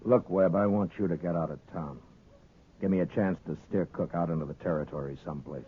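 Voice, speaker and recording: An American actor playing a stern, steady frontier marshal in a 1950s radio Western, speaking tersely and with authority. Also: male voice, sits low, fairly quick, close to an everyday voice. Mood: firm, grave. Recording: noisy, narrow-band old radio recording.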